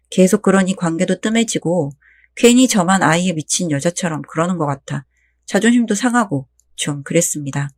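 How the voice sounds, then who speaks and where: A woman narrating a first-person story in calm, scripted storytelling. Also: fairly low pitch, no echo.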